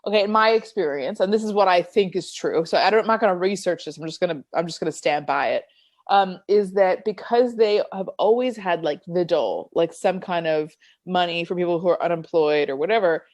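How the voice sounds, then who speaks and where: A woman in her thirties with a New York accent, co-hosting a casual podcast chat, animated and swearing freely. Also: fairly low pitch, fairly quick. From United States. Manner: animated, swearing, laughs often, puts on voices for quotes. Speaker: podcast co-host.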